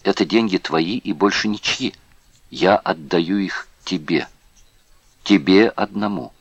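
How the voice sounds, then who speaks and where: A man's voice: sits low, a little slow, vocal fry, slightly rough, no room sound, full character voice. A man voicing an anxious male prisoner who speaks earnestly and insistently, in an audiobook reading.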